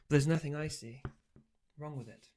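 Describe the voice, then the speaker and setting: A man's voice: a little high, normal speed, close to an everyday voice. A strict mother read aloud by a man who snaps orders at her son and grumbles when he won't eat. She switches to polite small talk with her guest. She is a character in a children's storybook. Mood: stern. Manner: sharp and scolding, then chatty. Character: stern, busy mother of a boy.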